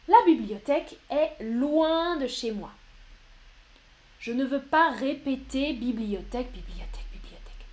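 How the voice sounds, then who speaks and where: A woman's voice: sits high, a little mellow. A woman teaching grammar in a live online lesson, patient and encouraging as she answers viewers one by one. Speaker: French teacher.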